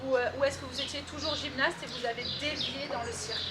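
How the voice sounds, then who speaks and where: A young woman with a high voice hosts a chatty, playful vlog interview outside by a swimming pool. Steady outdoor noise sits behind her. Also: quick pace. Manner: playful, chatty, jokes around. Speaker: host.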